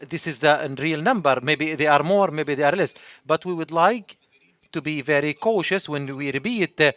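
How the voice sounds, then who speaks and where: Male conference interpreter, slightly high voice, hesitant delivery, dry mic. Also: a bit bright, no echo. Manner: halting, many filler pauses. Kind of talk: live consecutive interpreting. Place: conference hall.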